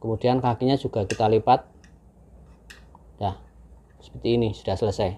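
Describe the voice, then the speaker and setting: A man calmly and patiently explaining, step by step, how to use a camping stove, recorded indoors with a camera mic above the table. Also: lowish voice, moderate pace, a little hiss or hum. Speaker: channel host demonstrating a camping stove. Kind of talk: casual how-to demonstration.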